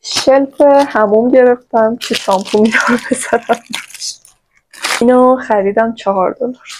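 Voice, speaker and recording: A woman from Iran hosts a casual shopping haul vlog, talking to her viewers in a playful, chatty way. Her voice sits slightly high, and a faint noise runs under the recording. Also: fairly even intonation. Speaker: vlogger. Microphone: own microphone.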